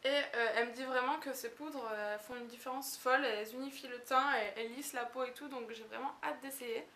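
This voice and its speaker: A young woman with a high, bright voice gushes as she unboxes beauty products. She sounds thrilled by each item. Her voice rings in a small, echoey room at home. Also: brisk, a little hiss or hum. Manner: gushing, excited. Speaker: beauty vlogger. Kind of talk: casual unboxing chat.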